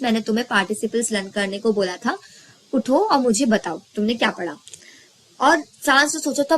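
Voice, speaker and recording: A woman's voice: a little high, rough recording. A woman teacher retelling a story in a casual lesson, chatty, asking questions and answering them herself.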